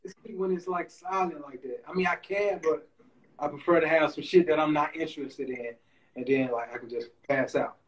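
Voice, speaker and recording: A young man in his twenties talks in a relaxed, plainspoken way as an interview guest. His voice sits a touch higher than average, and he swears casually. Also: brisk, low-quality recording. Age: 20s. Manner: laid-back, plainspoken, cursing freely. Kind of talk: casual conversation.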